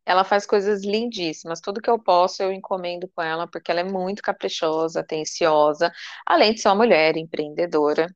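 A woman's voice: on the low side, fairly quick, no room sound. Emphatic Brazilian woman, lo-fi sound. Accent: Brazilian Portuguese. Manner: upbeat, emphatic, teasing. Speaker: podcast guest, financial consultant. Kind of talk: casual chat. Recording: dull lo-fi sound.

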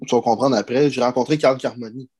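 A young man, talking casually and a little haltingly. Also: mid-range voice, fairly even intonation, a little mellow, breathy edge. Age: young adult. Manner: hesitant, halting storytelling. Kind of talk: casual chat.

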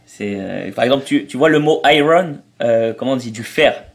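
Un homme d'âge moyen, invité d'une interview, qui explique et raconte des anecdotes sur un ton familier, avec des hésitations et des reprises. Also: male voice, mid-range voice, expressive, normal speed, creaky. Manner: explanatory, anecdotal, hesitant restarts. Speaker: guest, traveling parent. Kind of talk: casual interview chat.

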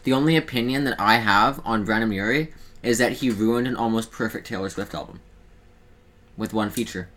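Bright-toned joking male co-host. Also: fairly low pitch. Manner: quick-witted, joking interjections. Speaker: podcast co-host. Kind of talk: casual political podcast chat.

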